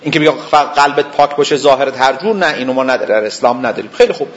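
A man gives a didactic seminary lesson, explaining step by step, repeating his points and checking whether his students follow. His voice is medium-pitched and a bit bright, heard through a lo-fi recording.

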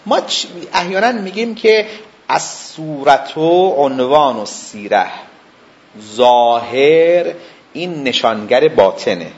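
Man, seminary teacher, fairly high voice, animated lecturing, repeats himself, muffled lo-fi sound. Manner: explanatory, repeats points and asks students if they follow. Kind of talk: didactic lecture.

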